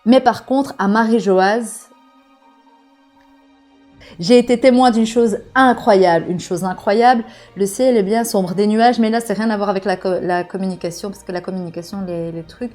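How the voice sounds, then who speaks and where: An excitable woman reading a comic aloud and reacting as she goes, swearing freely and stumbling over fillers. Her pitch sits in the middle, and faint music plays underneath her talk. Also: moderate pace. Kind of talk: casual live reaction reading.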